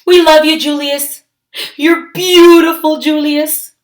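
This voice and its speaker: Doting storybook mouse parent, female narrator, high-pitched, sing-song, full of adoration for the baby. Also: steady tone, slow. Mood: adoring. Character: doting, adoring mouse parents cooing over their baby. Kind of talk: children's storybook read-aloud.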